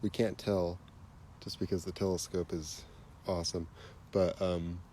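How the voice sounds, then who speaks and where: A man hosting a casual livestream outdoors at night, chatty and quick to laugh, with a slightly stuffy nose, talking into a phone. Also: sits low, a little hiss or hum. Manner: relaxed, chatty, laughs easily. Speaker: livestream host. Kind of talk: casual live chat while stargazing.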